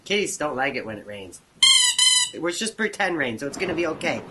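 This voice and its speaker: Kids' show host, male, playful and lively, fairly high voice, with steady noise behind him. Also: a little fast. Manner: animated, playful, talking to children. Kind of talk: playful kids' music lesson. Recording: noisy recording.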